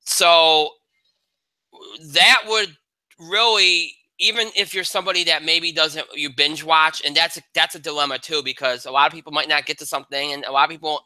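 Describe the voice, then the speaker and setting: A man's voice: on the high side, steady tone, moderate pace, sharp tone, dry recording, poor audio. A man hosting a casual talk show, analyzing award winners in a rambling way with many restarts. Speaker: podcast host. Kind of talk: casual chat.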